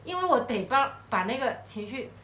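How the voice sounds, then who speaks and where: A woman's voice: fairly high pitch, big pitch swings, brisk, fairly bright tone. A woman co-hosting a podcast, telling a story in casual chat and laughing often as she goes. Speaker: podcast co-host. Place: hotel room. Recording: echoey room, faint background noise.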